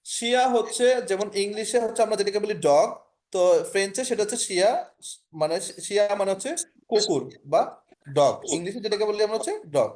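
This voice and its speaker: A man's voice: high voice, a little fast, a little mellow. A man with a Bangladeshi Bengali accent, teaching an online language class over a video call, explaining patiently, repeating points and often checking that students follow.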